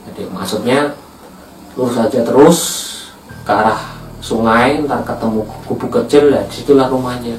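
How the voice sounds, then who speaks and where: A man's voice: medium pitch, normal speed, recorded from a distance, a little hiss or hum. Man telling a horror story for a podcast, chatty, echoey room, sits back from the mic. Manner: chatty, addresses listeners as guys. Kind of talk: casual horror story narration.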